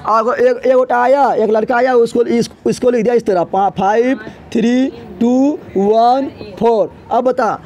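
A man with a very high-pitched, steady and slightly mellow voice teaches a math lesson in a classroom. He speaks with a lilt, drilling his students with repeated questions and slow, drawn-out counting.

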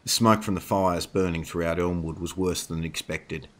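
A male narrator reads a horror story with a deep, low voice. His tone is bright and crisp despite the low pitch. His delivery is steady and measured. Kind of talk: scripted narration.

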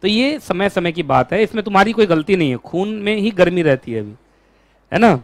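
Male law lecturer, animated, keeps questioning the class; higher voice, dry close recording. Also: brisk, no echo. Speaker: law teacher.

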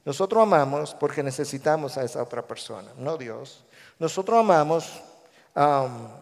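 Guatemalan pastor preaching in an echoing church. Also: male voice, on the high side. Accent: Guatemalan Spanish. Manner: animated preacher who acts out quoted voices. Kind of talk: sermon. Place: large church sanctuary. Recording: long echo of a large church hall.

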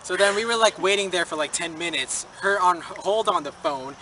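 A teenage boy telling a casual story on a vlog, animated and laughing, swearing often and acting out what others said. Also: sits high, normal speed, background noise. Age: teens. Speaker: vlogger. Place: indoors at a house.

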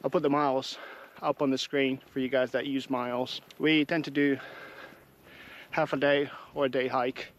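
A man's voice: mid-range voice, flat delivery, moderate pace, slight background noise, low-quality recording. Chatty English man vlogging on a hike. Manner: chatty, friendly, talks while walking uphill. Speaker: hiking vlogger. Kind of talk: casual walking vlog chat to camera. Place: outdoors on hilly countryside trails. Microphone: camera mic while walking.

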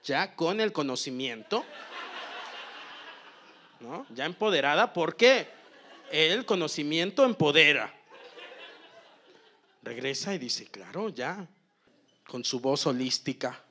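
A man in his thirties doing stand-up comedy, telling a story in a deadpan way, repeating phrases and then breaking into sudden loud bursts. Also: a little high, slow, long pauses, some chatter behind. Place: comedy stage.

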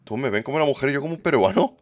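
A young man with a Spain Spanish accent, livestreaming a game in excitable, teasing casual chat. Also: medium pitch, very fast. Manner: excitable, laughs loudly, teasing. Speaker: streamer. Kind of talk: casual live gaming chat.

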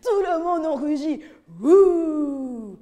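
A woman's voice: sits high, lively intonation, takes it slowly, long reverb tail. A woman leading a children's church lesson with songs, coaxing and encouraging the little ones with questions. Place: church hall.

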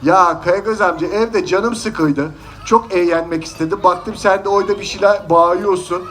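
A man's voice: sits high, moderate pace, a bit bright. A man doing a cheeky little boy puppet. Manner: playful, innocently mischievous. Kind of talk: shadow puppet show voice acting.

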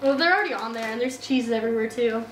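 A woman's voice: a little high, fast talker. A young woman hosting a casual cooking video, chatting and giving updates on her progress. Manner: chatty, giggly, keeps updating viewers. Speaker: host. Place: home kitchen. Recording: echoey kitchen with faint noise.

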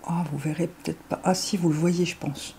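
A woman gushing over makeup swatches, excitable, often dropping to hushed murmurs. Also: fairly low pitch, a little fast, creaky, a little hiss or hum. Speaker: beauty vlogger.

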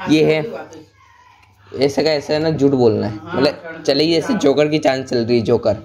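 A man's voice: medium pitch, moderate pace, a crowd in the background. A man talking casually to the camera in a home vlog, chatty and often laughing as he plays with family. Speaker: vlogger.

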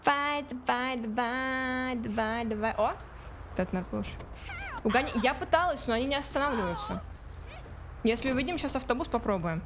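A woman's voice: on the high side, fairly quick. Woman vtuber chatting over game noise. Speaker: vtuber streamer playing a video game. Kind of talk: casual livestream gameplay commentary. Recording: game sounds and noise behind voice. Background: video game ambience.

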